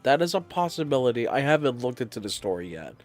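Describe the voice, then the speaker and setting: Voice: mid-range voice, very animated, fast talker, darkish tone, soft background music. A game streamer reacting with playful, rambling asides and laughter. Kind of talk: live game stream commentary.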